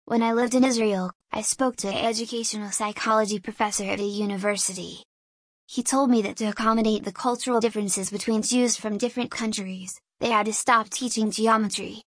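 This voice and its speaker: A small business owner whose first language is Hungarian muses aloud in a reflective solo monologue, deliberate, philosophical, and prone to digressions. Her medium-pitched voice has fairly even intonation, and the recording is dry.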